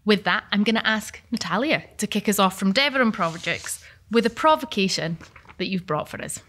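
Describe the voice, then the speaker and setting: A woman facilitates a panel discussion in a medium-pitched voice. She speaks as the chair, in an inviting and inclusive manner, setting out how everyone can take part. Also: animated, a little fast, a bit bright.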